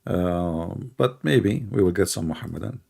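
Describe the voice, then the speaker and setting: Older male host, husky low voice, sarcastic rambling monologue. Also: animated, moderate pace, darkish tone. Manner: sarcastic, mocking, rambling with many fillers. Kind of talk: casual monologue.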